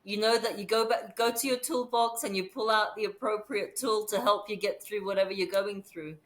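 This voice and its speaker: A woman's voice: mid-range voice, fairly even intonation, fairly quick, rough recording. A woman from Zambia, hosting a podcast, chatting casually and agreeing with her guest. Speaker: podcast host. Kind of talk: casual interview chat.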